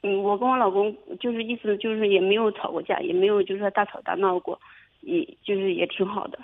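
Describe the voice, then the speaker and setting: A young woman calling in to a radio advice show, telling her story haltingly with many restarts. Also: mid-range voice, steady tone. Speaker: caller. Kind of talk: phone-in advice call. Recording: tinny phone line.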